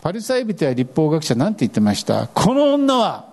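A man preaching a sermon as pastor, animated and expressive, acting out scripture lines as he goes. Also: on the high side, quick pace, creaky.

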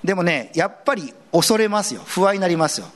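Lively, slightly high-voiced man preaching. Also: fairly quick. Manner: earnest, conversational preaching with lively swings in pitch; casual asides and everyday phrasing mixed into the sermon. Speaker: pastor. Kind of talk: sermon.

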